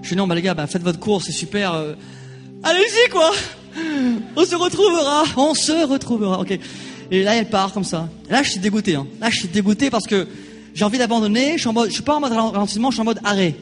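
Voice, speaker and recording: High-voiced preacher in a reverberant hall. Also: male voice, quick pace, soft background music. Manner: animated storytelling, acting out quoted voices. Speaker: pastor. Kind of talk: sermon with personal anecdote. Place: church.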